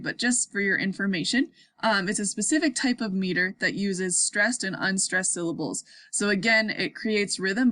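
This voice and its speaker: A woman's voice: medium pitch, bright, forceful tone, dry recording, studio quality. A young woman teaching sixth-graders in a casual online lesson, upbeat and chatty, often checking in with her class.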